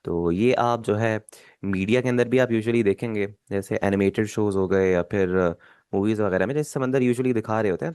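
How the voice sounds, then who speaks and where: A man's voice: mid-range voice, a little mellow, dry recording. Male teacher, patient explainer, mid-range voice, dry booth-like sound. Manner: patient, explanatory, repeats key words slowly. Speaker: Japanese language teacher. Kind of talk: online language lesson.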